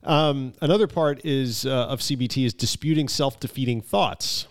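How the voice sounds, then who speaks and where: A man's voice: medium pitch, moderate pace. A man co-hosting a recovery podcast, talking casually, reading bits from notes and telling jokes. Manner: conversational, reads notes aloud, tells jokes. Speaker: podcast co-host.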